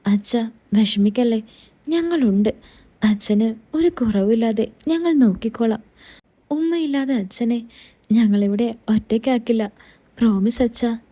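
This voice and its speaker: A woman's voice: on the high side, measured pace, pauses often, warm tone. A woman voicing a soothing young daughter-in-law. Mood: reassuring. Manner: coaxing and reassuring.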